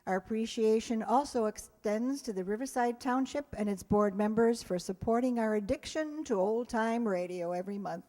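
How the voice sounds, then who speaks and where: A warm, fairly high voice belongs to an American theater group director giving a chatty thank-you to her audience and cast at a live stage performance. She keeps a moderate pace with few pauses, and the hall sounds echoey, with audience noise around her.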